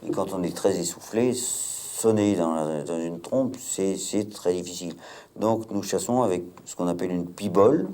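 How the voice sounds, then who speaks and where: With a mellow, low voice, a man who leads a hunting pack in Maine-et-Loire, France, gives explanations for a documentary interview, unhurried and frequently pausing in hesitation.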